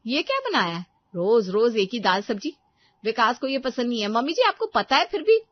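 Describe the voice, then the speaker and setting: Woman putting on a shrill bossy daughter-in-law. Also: brisk, lo-fi sound, close to an everyday voice. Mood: demanding. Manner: sharp, scornful and demanding.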